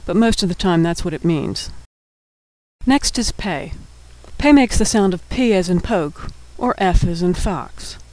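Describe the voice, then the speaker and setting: A man's voice: high-pitched, a little mellow, dry recording, rough recording. A man walks through a recorded language lesson. He is patient and sounds out each word syllable by syllable, like a teacher at a whiteboard.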